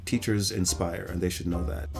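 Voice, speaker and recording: A middle-aged man from Trinidad who works as an actor and director, telling expressive stories in an interview and repeating words when he gets excited. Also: low voice, normal speed, gravelly, music in the background. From Trinidad, West Indies. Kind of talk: interview conversation.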